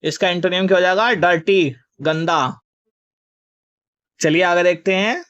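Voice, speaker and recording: A man's voice: high-pitched, measured pace, fairly bright tone, smooth, dull audio. A male teacher running a vocabulary lesson for exam students. He spells each word out letter by letter, then gives its meaning and its opposite, and calls the students children.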